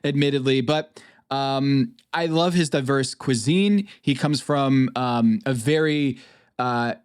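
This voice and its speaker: A man's voice: mid-range voice, takes it slowly, smooth. A man from New England hosting a podcast, talking through draft picks casually with frequent ums. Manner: hesitant, frequent ums and uhs. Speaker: podcast host. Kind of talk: casual chat, fantasy draft analysis.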